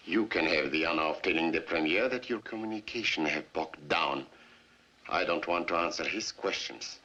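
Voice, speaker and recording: A ruthless Soviet general. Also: male voice, deep voice, moderate pace, pushed and bright, slight background noise. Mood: scornful. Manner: cold, clipped, menacing. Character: ruthless cold Soviet general, middle-aged man. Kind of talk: 1950s film acting. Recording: dull 1950s film soundtrack.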